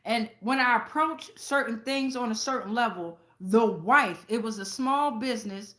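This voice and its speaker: A woman hosts a casual tarot reading, mixing in personal stories, swearing freely, and talking bluntly. Her voice is a little high and a bit bright, at a moderate pace. She keeps it conversational, speaking straight to her viewers and checking in with them often.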